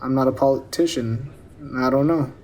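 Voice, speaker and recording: A man's voice: medium pitch, moderate pace, darkish tone. A man being interviewed, answering hesitantly, unsure and evasive.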